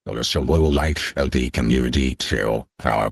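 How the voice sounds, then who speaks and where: Brief: male guest through voice changer, extremely deep, gravelly and husky, slow and halting. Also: dry recording, studio quality. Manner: halting, many fillers. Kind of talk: casual chat.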